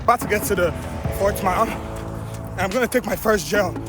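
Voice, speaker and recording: A man's voice: high voice, moderate pace, over music. A young man giving short, upbeat progress updates to camera while running outdoors, out of breath. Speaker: vlogger. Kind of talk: running vlog check-ins. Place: outdoors on a run.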